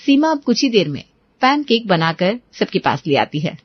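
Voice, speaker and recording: A woman narrating a cartoon story in a calm, even, scripted way. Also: medium pitch, moderate pace, breathy edge, no echo, muffled recording.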